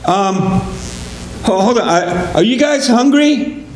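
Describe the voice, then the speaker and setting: A man's voice: extremely high pitch, animated, slow pace, voice pushed up, heavily acted. Man doing a kindly passerby. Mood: helpful. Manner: friendly offhand offers. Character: helpful male passerby, kindly and casual. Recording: echoey hall, faint noise.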